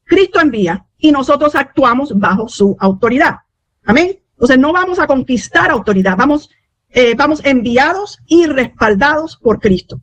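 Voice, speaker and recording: A woman delivers a Spanish-language teaching sermon in a high voice, recorded dry and close with almost no room sound. She speaks steadily, leaning on "eh" fillers and small restarts, and closes points with "amen.". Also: expressive, moderate pace, no echo, lo-fi sound. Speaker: preacher.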